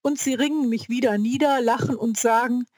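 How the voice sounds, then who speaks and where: A woman reading a novel aloud as a first-person audiobook narrator, in a slow, measured way. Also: a little high, steady tone, a little mellow, no room sound.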